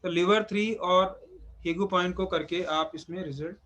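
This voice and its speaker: A man's voice: high voice, steady tone, normal speed, a bit bright. A man teaching an acupuncture class, instructive and repeating phrases for emphasis. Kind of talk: live class lecture.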